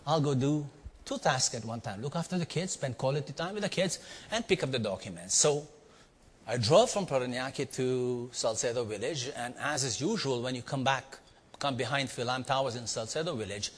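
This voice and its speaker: With a medium pitch, lively intonation and a husky edge, a middle-aged Indian-accented man tells his audience a story from his life at normal speed. As a storytelling instructor, he acts out exclamations and asks the room questions; a long hall reverb surrounds him.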